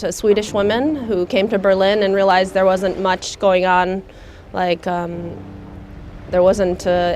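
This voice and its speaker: A young American woman, speaking thoughtfully in a documentary interview, often pausing with "um" as she searches for words. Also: medium pitch, slight background noise. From United States. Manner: thoughtful, soft-spoken, many hesitations with um. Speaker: volunteer.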